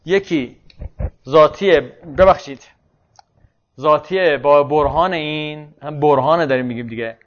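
Brief: male philosophy lecturer who thinks aloud and corrects himself mid-sentence, dull lo-fi sound. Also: a little high. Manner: questions and answers himself. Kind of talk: university lecture. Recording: muffled lo-fi classroom recording.

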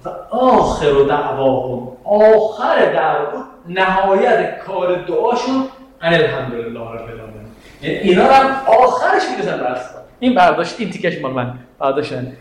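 A man with a fairly high voice teaches a Quranic exegesis class. He explains step by step, quotes Arabic verses and puts questions to his students. The classroom is very echoey. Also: big pitch swings, few pauses. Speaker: religious teacher.

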